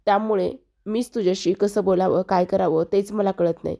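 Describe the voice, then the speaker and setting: A woman's voice: medium pitch, steady tone, fairly quick, creaky, mellow, lightly acted. A woman reading the lines of a hurt, bitter older sister who speaks coldly. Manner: cold, bitter.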